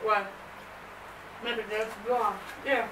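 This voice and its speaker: A woman's voice: a little high, fairly even intonation, slow. A woman with a Jamaican accent hosting a mukbang vlog, chatting to camera and slipping into patois. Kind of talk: casual chat to camera. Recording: echoey room, mic far off, faint noise.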